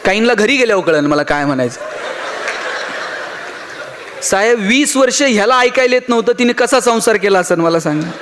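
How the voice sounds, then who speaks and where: A man's voice: high voice, lively intonation, a little fast, long pauses, noisy background. A man giving a motivational speech, telling stories, acting out dialogue and asking the audience rhetorical questions. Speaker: motivational speaker.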